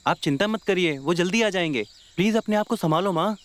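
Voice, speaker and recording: A man's voice: high-pitched, fairly quick, lightly acted. An actor playing an earnest young younger brother who consoles his mother. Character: eager younger village brother.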